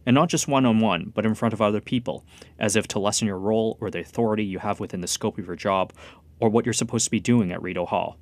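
An anonymous source speaking in a recorded interview clip, the voice digitally altered and deepened for anonymity, giving a fluent, steady account. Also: no room sound.

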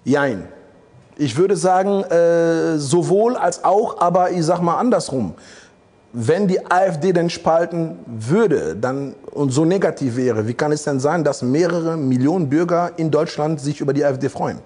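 Wearing a lapel mic on a red-curtained studio set, a man in his forties from the Democratic Republic of the Congo is interviewed as a guest. He's blunt and provocative, hesitating often, and speaks unhurriedly in a fairly high, darkish voice.

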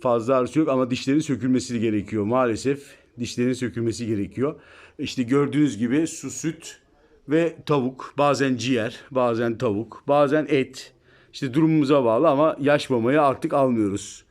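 A man's voice: medium pitch, moderate pace, darkish tone. A man chatting casually to viewers about his cat in a home video, filmed on a phone indoors. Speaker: pet vlogger.

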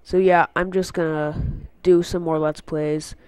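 A teenage boy's male voice sits on the high side, level and clean with a slightly mellow tone, moving a little slowly in a dry recording. Stuffy-nosed from a cold, the gaming channel host rambles casually through a channel update on an unfamiliar headset mic, heavy on fillers and tangents.

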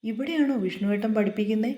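A woman's voice: mid-range voice, quick pace, dark tone, voice pushed up, lightly acted. A woman voicing a young bride who chatters, pleads and asks eager questions. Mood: plaintive. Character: young female bride, emotional and talkative. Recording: roomy echo.

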